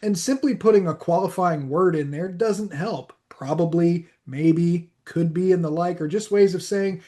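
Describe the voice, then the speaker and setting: A man's voice: high-pitched, moderate pace, warm tone. A man co-hosting a security podcast in casual chat, chatty and prone to giggles and restarts. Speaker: podcast co-host.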